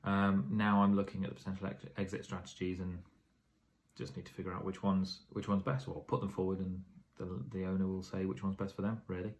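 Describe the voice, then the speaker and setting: Tired, low-voiced man vlogging. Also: flat delivery, fairly quick, slight background noise. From England. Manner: rambling, filler-heavy, self-correcting. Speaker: property investor vlogger. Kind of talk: casual vlog update.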